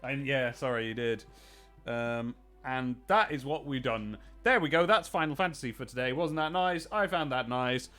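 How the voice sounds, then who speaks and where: This streamer has a bright, forceful medium-pitched voice and talks at normal speed, with faint music playing behind him. It's late in the day, and though sleepy he chats casually while playing a video game. He laughs and recounts old TV scenes, quoting lines in put-on voices.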